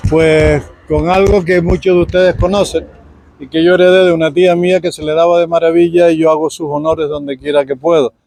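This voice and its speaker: A man's voice: fairly high pitch, warm tone, no room sound. A man, the organizer of a cultural association, giving homely, informal closing remarks to guests. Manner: homely, informal addressing of the audience. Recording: noisy background.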